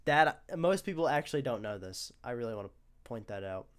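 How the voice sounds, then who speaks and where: Excitable young man rambling about his animations. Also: mid-range voice, fairly quick, over loud music. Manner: rambling, excitable, self-praising. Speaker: animator reviewing his own work. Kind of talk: casual stream commentary.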